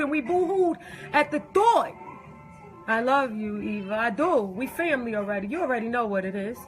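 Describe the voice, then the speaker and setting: A middle-aged woman with a high, bright voice delivers an impassioned personal rant straight to her viewers. She is emphatic and preachy and keeps repeating her phrases. Faint music runs behind her. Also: poor audio. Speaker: social media poster.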